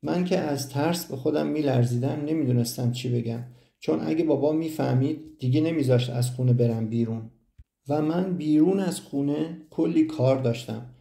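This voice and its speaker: A man narrating a first-person audiobook story in a steady storytelling manner. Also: fairly high pitch, creaky. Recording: roomy echo.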